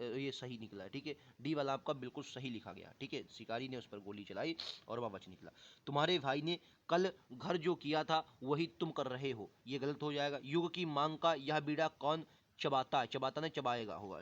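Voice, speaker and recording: A man's voice: mid-range voice, a bit bright, highs cut off. A young man running an exam coaching lesson, reading each option aloud and then correcting it with frequent checks. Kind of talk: explaining Hindi grammar questions.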